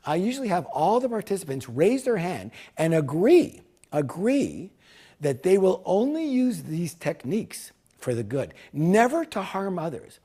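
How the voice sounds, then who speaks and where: A man delivering an energetic sales pitch for a course. His voice sits a touch high and swings widely up and down as he leans hard on key words, often repeating them for emphasis. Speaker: seminar speaker selling a business course.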